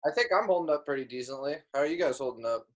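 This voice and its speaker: A man's voice: mid-range voice, lively intonation, racing. A man co-hosting a podcast over a video call, talking bluntly, joking and swearing a lot. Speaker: podcast co-host. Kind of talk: casual chat.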